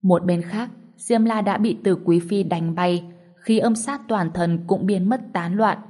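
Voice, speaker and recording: A woman narrating a martial arts novel as an audiobook in a steady, even reading. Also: on the low side, a little slow.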